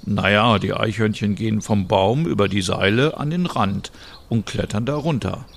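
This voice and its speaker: A man voicing a kind, quirky young man in a calm, easygoing manner. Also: on the low side, normal speed, creaky. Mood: friendly. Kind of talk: voicing characters in a narrated story.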